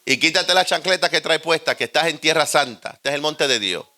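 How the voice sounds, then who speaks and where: A man voicing a calm, fatherly male angel, gentle but commanding. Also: fairly high pitch, brisk, voice pushed down.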